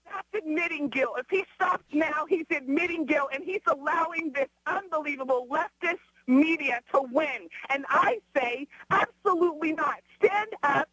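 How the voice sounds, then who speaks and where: A woman's voice: high voice, normal speed, few pauses, pushed and bright, no echo. A woman calling in to a radio talk show, speaking passionately and emphatically. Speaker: caller. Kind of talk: call-in radio conversation. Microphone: telephone line. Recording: phone line on talk radio.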